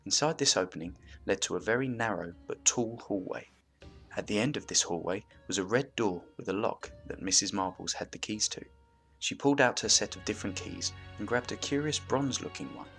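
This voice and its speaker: A man reading a story aloud as narrator in a steady, even manner, with faint music behind. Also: on the low side, brisk.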